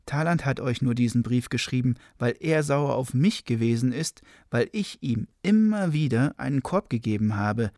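A man's voice: mid-range voice, animated, moderate pace, few pauses, a little mellow, dry recording, natural voice. Man reading stern noblewoman healer, cold commanding reproach, spoken legend, dry close sound. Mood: reproachful.

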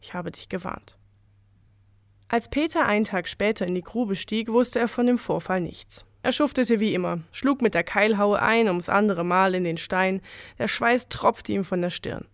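A woman calmly narrating a folk tale as a scripted story. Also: mid-range voice, moderate pace, no room sound, clean studio sound.

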